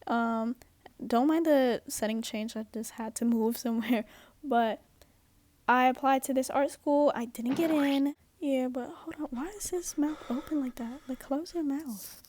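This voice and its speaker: A young woman from Japan chatting casually through a get-ready-with-me story time, slangy and upbeat with quick asides. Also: sits high, darkish tone. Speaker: vlogger.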